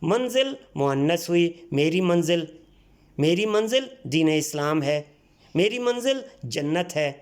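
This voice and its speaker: A man's voice: on the high side, animated. A man from Pakistan teaching a school language lesson, patiently going through the exercises and spelling out words sound by sound. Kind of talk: explaining textbook exercises.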